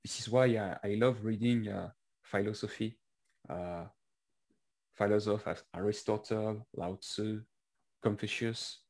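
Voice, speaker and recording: A man with a French accent interviewing a guest, speaking haltingly with many fillers and restarts. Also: fairly low pitch, steady tone, a little mellow. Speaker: interviewer and author. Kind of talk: casual conversational interview.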